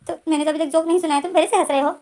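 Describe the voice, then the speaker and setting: A woman's voice: high voice, fairly even intonation, very fast, a little mellow, voice pushed up, natural voice. A woman voicing a sulky, exasperated young man who complains in a huffy way.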